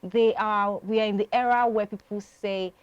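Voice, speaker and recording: A woman's voice: medium pitch, fairly even intonation, moderate pace, clean tone, muffled recording. A woman from Nigeria hosting an entertainment interview, chatty and effusive as she praises and questions her guest. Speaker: show host interviewer.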